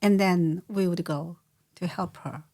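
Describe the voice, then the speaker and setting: Slow, hesitant woman with Korean accent. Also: lowish voice, warm tone. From South Korea. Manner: slow, hesitant, many pauses and fillers. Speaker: guest. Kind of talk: casual interview.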